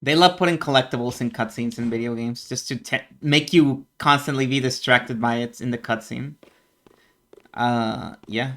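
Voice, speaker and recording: A man's voice: mid-range voice, moderate pace, a bit bright. A man giving casual video game commentary as a streamer, informal and reacting off the cuff.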